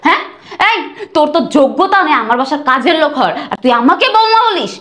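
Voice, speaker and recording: A high-voiced, arrogant rich bride, played by a young woman in a short drama, rattling off sneering insults at speed. The room is echoey. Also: sing-song, quick pace, a bit bright. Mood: contemptuous.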